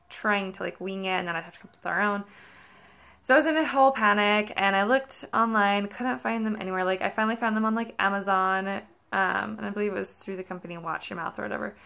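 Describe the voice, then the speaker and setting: A young American woman gives a casual, rambling review to camera at home. Her voice is bright and forward with plenty of vocal fry, and she drops "like" into her storytelling often. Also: mid-range voice, fast. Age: young adult. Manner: rambling, animated storytelling with frequent "like". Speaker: vlogger reviewing a product. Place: carpeted living room at home.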